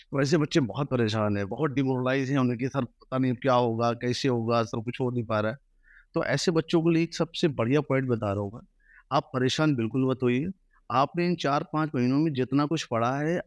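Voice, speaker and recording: A man's voice: mid-range voice, no room sound, clean studio sound. A man who teaches maths, giving earnest advice to exam students in an interview. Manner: earnest, advising students directly. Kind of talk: interview answers.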